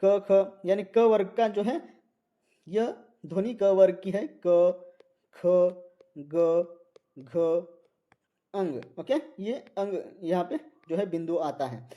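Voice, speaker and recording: A man's voice: high voice, unhurried, highs cut off. A man teaching a Hindi exam-prep lecture, reading out multiple-choice questions and repeating each answer.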